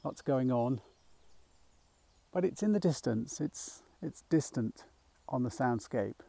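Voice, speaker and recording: Gravelly middle-aged man vlogging outdoors. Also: mid-range voice, lively intonation, takes it slowly, no room sound. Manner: rambling, gentle, with frequent fillers and restarts. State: slightly out of breath. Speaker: nature mindfulness guide. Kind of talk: casual walking vlog. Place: outdoors in a field by a small woodland.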